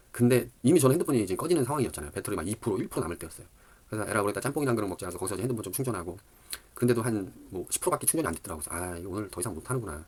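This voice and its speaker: A middle-aged man who lectures on dating, telling a rambling story in a casual monologue, full of fillers and animated asides. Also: on the low side, husky.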